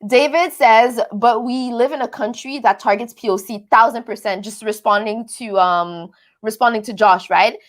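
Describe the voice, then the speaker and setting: At a normal pace, a Canadian woman with a higher voice runs a casual livestream for her reality TV recap channel, responding to viewer comments. She rambles, stumbles, teases herself, and jumps playfully between accents.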